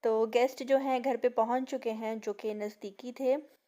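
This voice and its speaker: Soft-spoken young woman vlogger, sore throat. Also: fairly high pitch, fairly even intonation, moderate pace. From Pakistan. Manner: chatty, leans on the filler "jo hai". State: sore throat and fever, talking slowly. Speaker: family vlogger. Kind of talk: casual vlog narration.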